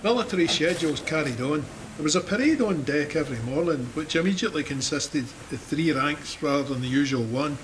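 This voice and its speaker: Here a Scottish-accented actor narrates an audio drama, voicing a plain-spoken cavalryman telling of his war in a dramatised first-person memoir, wry and reflective in mood. His voice is slightly high and a little quick, with few pauses and only light acting. Noise sits behind him.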